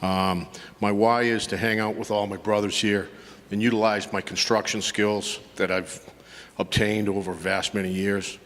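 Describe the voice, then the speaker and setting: A veteran introducing himself briefly and plainly to a group. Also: male voice, fairly low pitch, little pitch movement, normal speed, a bit bright. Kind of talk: spoken self-introduction. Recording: long reverb in a large room.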